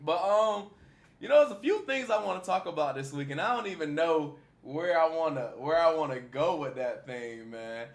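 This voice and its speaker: An American man with a slight smoker's rasp, chatting casually and slangily as a podcast host. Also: fairly high pitch, normal speed. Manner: informal, slangy. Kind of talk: casual chat.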